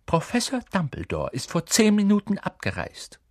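A man's voice: fairly high pitch, big pitch swings, moderate pace, slightly rough, no echo, clean studio sound, voice pushed up. A man voicing a stern, strict older woman professor who speaks in a clipped, commanding, cool manner.

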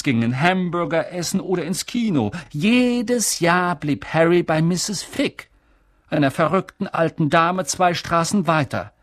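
A male narrator reading a storybook aloud at an unhurried pace. His pitch swings widely as he brings the story to life. The recording is dry and close. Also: dry recording. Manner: expressive, measured storytelling. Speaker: audiobook reader.

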